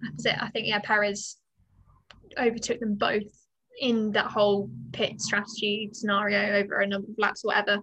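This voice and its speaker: A woman co-hosting a casual podcast chat, opinionated and quick to laugh. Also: mid-range voice, monotone, fairly bright tone, low-quality recording. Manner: chatty, opinionated, laughs often. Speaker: podcast co-host.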